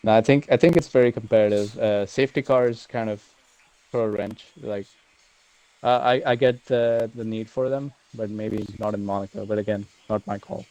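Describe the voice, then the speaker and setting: Low, mellow-voiced man in a post-race chat. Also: fairly even intonation. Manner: halting, many fillers and restarts. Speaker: sim racing driver, race winner. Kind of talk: casual post-race interview.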